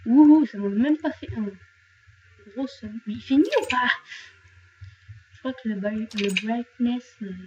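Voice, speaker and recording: A woman's voice: a little high, measured pace, pauses often, a little mellow, lo-fi sound, a little hiss or hum. A young woman chatting playfully to her viewers while she plays, talking to objects and joking about crying. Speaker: gaming youtuber. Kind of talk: casual let's play commentary.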